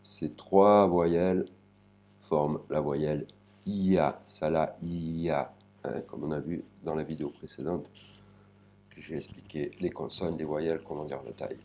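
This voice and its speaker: Male language teacher, very low and mellow voice, slow and careful delivery. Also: steady tone. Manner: slow, spells out sounds one by one. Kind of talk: spoken lesson.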